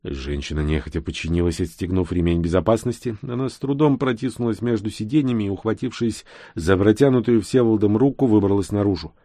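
Low-voiced male audiobook narrator. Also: quick pace, few pauses, dry recording, clean studio sound. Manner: steady, dramatic reading. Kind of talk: scripted narration.

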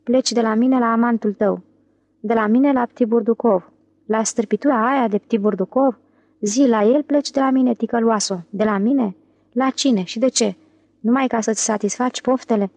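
A woman's voice: mid-range voice, vocal fry, darkish tone, dry recording, natural voice. A woman voicing a middle-aged intellectual husband, nasal, whiny and melodramatic, wailing in self-pity.

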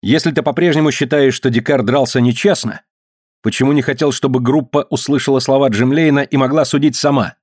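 A bold young girl protests passionately, her voice lifted high and urgent, as a male narrator puts her on. The recording is dry and close, in an audiobook. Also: fairly even intonation, fairly quick, husky, no echo, lightly acted. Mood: indignant. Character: brave, outspoken young girl.

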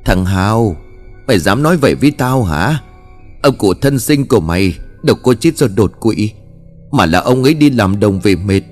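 A man's voice: fairly low pitch, animated, moderate pace, soft background music, close to an everyday voice. A man voicing a grief-crazed old village mother who wails and shrieks threats. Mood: ranting. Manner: wailing, then shrieking threats.

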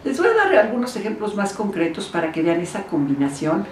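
A woman therapist, giving relationship advice in an animated way and acting out the voices she quotes. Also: mid-range voice, a little fast, slight background noise. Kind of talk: advice talk to camera. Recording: roomy echo, speaker far from mic.

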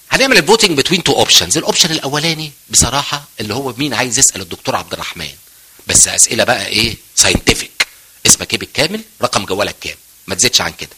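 A man's voice: medium pitch, sharp tone, slightly rough. Egyptian professor, middle-aged man, jokey lecturer, wide swinging intonation. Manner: joking, mixes English terms, asks and answers himself. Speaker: physiology professor giving a talk. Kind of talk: lively lecture to medical students.

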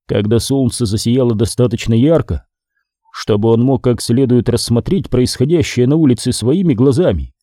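In studio quality with no echo, an audiobook reader with a medium-pitched voice delivers scripted horror narration. His storytelling is measured yet expressive.

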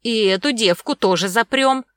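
A woman's voice: fairly high pitch, normal speed, dry recording, studio quality, pitched above the performer's own voice, lightly acted. A woman voicing a spiteful male henchman who grumbles in a raised, sneering voice.

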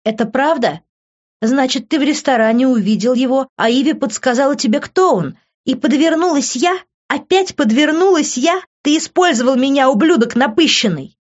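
A woman reading an audiobook, voicing a furious young woman who shouts, curses and mocks. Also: high-pitched, expressive, normal speed, voice pushed up. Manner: shouting, cursing, scornful. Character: furious young woman, sharp-tongued, betrayed. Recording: dull lo-fi recording.

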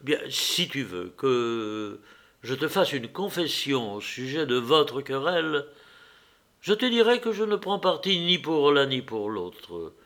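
A calm, thoughtful younger brother who reasons gently and slowly, as a male audiobook reader does him. The voice sits a little high and stays unhurried. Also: full character voice. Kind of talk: audiobook character reading.

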